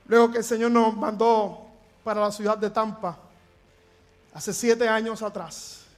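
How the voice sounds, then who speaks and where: A middle-aged Puerto Rican pastor preaching with an unusually high voice for a man. His Puerto Rican Spanish accent carries through an earnest, emphatic sermon delivery. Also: fairly even intonation, a little slow, soft background music. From Puerto Rico.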